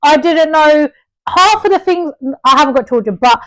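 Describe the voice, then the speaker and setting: High-voiced chatty woman. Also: moderate pace, no room sound, low-quality recording. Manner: chatty and animated, jumps in with questions and tangents. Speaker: podcast co-host. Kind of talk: casual chat.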